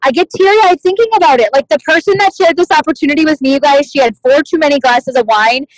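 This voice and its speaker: A woman's voice: high voice, quick pace, no echo, low-quality recording. A woman leading a team meeting over a video call, talking in a chatty, casual way full of "like" and "you guys". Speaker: team leader at a sales meeting. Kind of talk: motivational team meeting talk.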